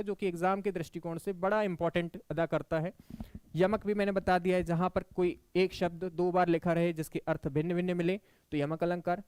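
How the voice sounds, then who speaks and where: A man from Madhya Pradesh giving an exam-prep Hindi grammar lecture, explaining step by step, checking in often and reciting verse examples slowly. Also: high voice, darkish tone, clean tone, no echo. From Madhya Pradesh, India. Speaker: teacher.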